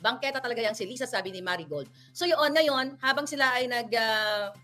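Brief: woman vlog host, bright sharp voice, gossipy mocking commentary, faint music behind. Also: a little high, fairly quick. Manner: chatty and mocking, with teasing nicknames and frequent laughs.

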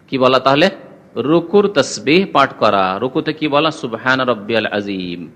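A man's voice: medium pitch, a bit bright, big-room sound. A man teaching a religious lesson, asking the class questions and reciting Arabic. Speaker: Islamic teacher.

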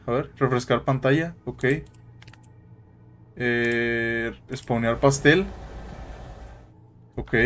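A man narrates his gameplay in a jittery, excitable stream of commentary. He drops English slang into his Spanish, and his voice sits at an ordinary middle pitch. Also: a little hiss or hum. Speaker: gaming YouTuber. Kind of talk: let's play commentary.

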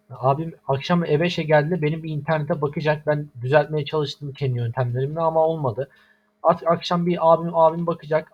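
Young Turkish male gamer, exasperated commentary, slightly high voice. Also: slightly rough, dull audio. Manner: frustrated, exasperated complaining. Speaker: gaming YouTuber. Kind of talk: gameplay commentary.

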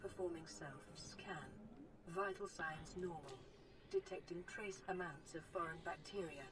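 A woman voicing a calm female computer assistant that gives measured, clinical health and status reports in a gentle synthetic care-robot voice. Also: fairly low pitch, a crowd in the background. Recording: game audio over loud music. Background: loud game music.

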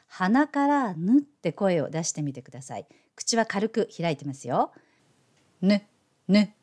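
抑揚豊かな女性の英語教師. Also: female voice, unhurried. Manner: playful, coaxing as if to children; animated, lively pitch. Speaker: English teacher. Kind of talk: pronunciation lesson.

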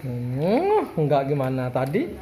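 A woman's voice: rumbling low, huge pitch swings, unhurried, mellow. A woman vlogging casually at home, chatting and often calling her viewers "Bun". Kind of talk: casual home vlog chat. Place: indoors at home with family.

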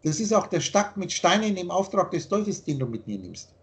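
A man with a high-pitched voice lectures over a video call. He speaks emphatically as a spiritual teacher. He often repeats and rephrases his points. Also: sing-song, a little fast. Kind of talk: explaining ideas in a video call.

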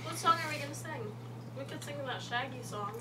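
A woman's voice: high-pitched, lively intonation, brisk, very noisy. A woman chatting playfully with a friend, laughing often. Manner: giggly, playful. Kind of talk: casual chat among friends. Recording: from far off, loud music behind.

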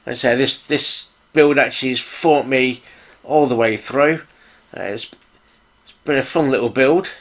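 A man's voice: mid-range voice, moderate pace. A middle-aged British man casually narrating a hands-on hobby build vlog in an informal, appreciative, chatty way. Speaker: hobby video host, model car builder.

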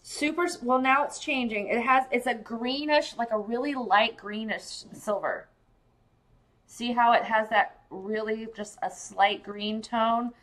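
A woman's voice: fairly high pitch, a little slow, fairly bright tone, poor audio. A woman hosting a live pearl-opening sale, chatting casually and gushing to viewers by name. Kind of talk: casual live-stream sales chat.

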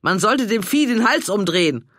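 A bossy, outspoken older woman, as a male reader puts her on, talks loud and emphatic in a lively, swooping voice. She presses and scolds with quick temper. The audiobook sound is dry and close. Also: low voice, no echo. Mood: furious. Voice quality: loud and emphatic, swings between coaxing and scolding. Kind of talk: audiobook character voice.

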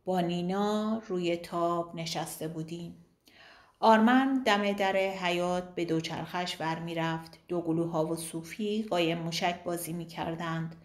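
A woman narrating a novel as an audiobook, in a calm, even storytelling manner. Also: on the low side, reverberant. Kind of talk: novel reading.

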